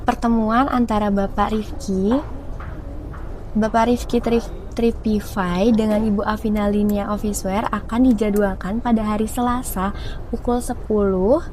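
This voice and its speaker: A woman's voice: medium pitch, fairly even intonation, measured pace, a little mellow, a little hiss or hum, close to an everyday voice, low-quality recording. A young woman playing a courteous office receptionist, in a polite, formal customer service voice. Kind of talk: role-played business phone call.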